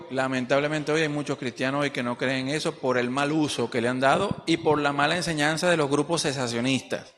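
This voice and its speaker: Lively preaching man in reverberant church. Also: fairly high pitch, slight background noise. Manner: animated, acting out quoted dialogue; searching for words mid-sentence. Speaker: pastor. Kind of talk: sermon. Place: church service. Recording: long reverb of a church hall.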